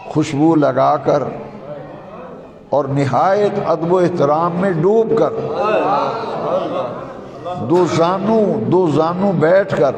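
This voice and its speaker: A man delivering a sermon, chanting quoted Arabic slowly and drawn out, recorded live in a large echoing hall. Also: fairly high pitch. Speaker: preacher. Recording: echoey hall with live crowd.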